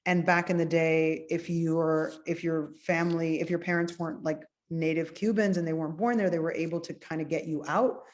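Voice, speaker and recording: Forties woman guest, from Cuba via New Jersey, low voice, conversational. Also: steady tone, brisk, few pauses. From Cuba, raised in New Jersey. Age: 40s. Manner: conversational, many fillers like "you know". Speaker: optometrist guest. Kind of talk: casual interview.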